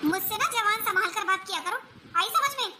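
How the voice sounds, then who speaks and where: A woman's voice: very high voice, expressive, brisk, pushed and bright, a little hiss or hum, full character voice. A woman playing a greedy, haughty young sister-in-law who sneers and scolds in a family drama. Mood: scolding.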